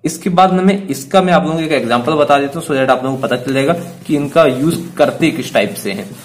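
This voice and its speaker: A man's voice: fairly high pitch, brisk. A man teaching grammar to students in Hindi mixed with English words, asking and answering his own questions as he goes. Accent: Indian English words in Hindi speech.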